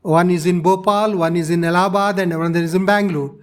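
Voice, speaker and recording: A man in his sixties with a South Indian accent, recounting his experience in an interview in a measured, explanatory way. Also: sits high, steady tone, smooth. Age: 60s. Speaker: interviewee, retired navy officer.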